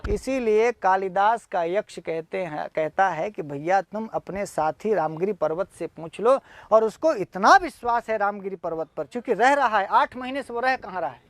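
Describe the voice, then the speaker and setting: A man's voice: sits high, animated, normal speed. A man teaching a class, lecturing emphatically with many rhetorical questions, in a classroom with students. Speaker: Sanskrit teacher.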